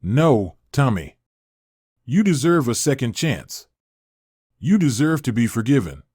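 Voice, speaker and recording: A man voicing a calm, forgiving woman schoolteacher in a read-aloud story. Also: mid-range voice, a little slow, breathy edge, no room sound, clean studio sound. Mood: gentle. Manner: calm, gentle. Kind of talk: storybook reading.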